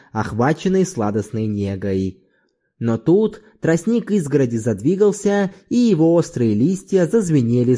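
A man reading a novel aloud as narrator in an expressive, dramatic storytelling manner. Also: mid-range voice.

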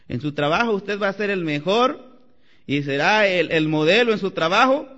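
A man preaching a Sunday sermon as pastor, animated and climbing to loud exclamations. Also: high-pitched, normal speed. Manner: animated preaching, rising to shouts. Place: church sanctuary. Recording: lo-fi church recording with long reverb.

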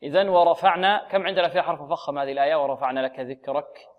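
A man's voice: a little high, very fast, phone-quality sound. Arabic-speaking man teaching Quran recitation. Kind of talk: tajweed lesson on radio.

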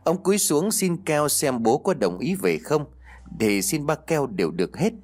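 A male storyteller reading a ghost story in a plain, steady way. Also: a little high, normal speed. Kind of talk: scripted horror story narration.

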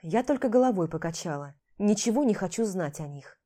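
A woman's voice: mid-range voice, expressive, fairly quick, mellow. Woman reading a first-person novel. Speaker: audiobook narrator.

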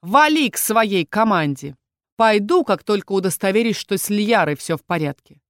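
A woman's voice: mid-range voice, lively intonation, moderate pace, dry recording, clean studio sound, close to an everyday voice. A woman voicing an angry, hot-tempered young male captain who snaps at others. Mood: snappish. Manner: snapping, fierce.

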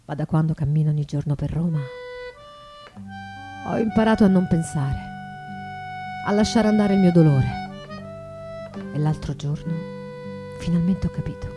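In a low voice laced with quiet, weary disgust, an actress delivers a confessional stage monologue as a proud, ironic, elegant and embittered bourgeois wife of the 19th century. Live guitar plays as her delivery shifts between hushed and declamatory.

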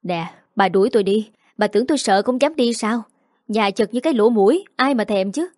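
A woman's voice: medium pitch, lively intonation, brisk, a little mellow, dry recording, studio quality, natural voice. A woman voicing a rude young daughter-in-law, answering curtly and talking back. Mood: defiant.

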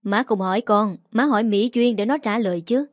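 A woman's voice: medium pitch, fairly quick, no echo, clean studio sound, lightly acted. A woman voicing a scolding, sarcastic middle-aged mother-in-law in a read story. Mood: anxious questioning.

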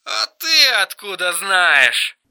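Erratic mocking young man, as a male narrator puts him on, bright high voice, swooping intonation. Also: vocal fry, smooth, full character voice. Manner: shrill, teasing, quick swings to flat calm. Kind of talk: audiobook reading.

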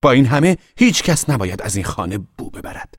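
A man's voice: mid-range voice, very animated, no echo, clean studio sound, pitched above the performer's own voice. A man voicing a teenage boy who lives in the trees, answering in short, guarded replies. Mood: curt. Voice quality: curt, clipped replies.

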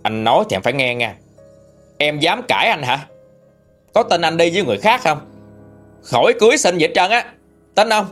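Man doing a callous boyfriend, lively swinging pitch, storytelling. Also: moderate pace, long pauses, faint music behind, natural voice. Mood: threatening. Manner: bullying, threatening.

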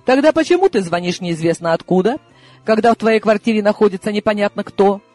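A man reading an audiobook and voicing a sharp, sarcastic elderly grandmother who orders her granddaughter about. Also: sits high, brisk, faint music behind, voice pushed up, natural voice. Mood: bossy, teasing. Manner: bossy, teasing.

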